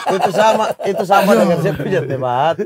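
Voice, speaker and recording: A man's voice: sits high, lively intonation, brisk, over a noisy crowd. A man in a casual chat, telling an anecdote in a chatty way. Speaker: podcast co-host.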